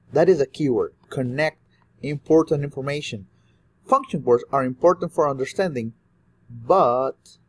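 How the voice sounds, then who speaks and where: Young man, slightly high voice, explaining. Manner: explains step by step and acts out example phrases. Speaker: student presenting a course review. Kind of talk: spoken exam review lesson.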